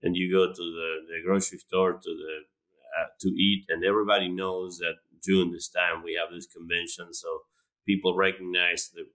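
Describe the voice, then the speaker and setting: A man from Argentina, a guest speaking in a relaxed interview, talking with frequent restarts and fillers. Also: sits low, normal speed, rough recording. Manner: hesitant, many restarts and fillers. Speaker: animal science professor, guest. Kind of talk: conversational interview.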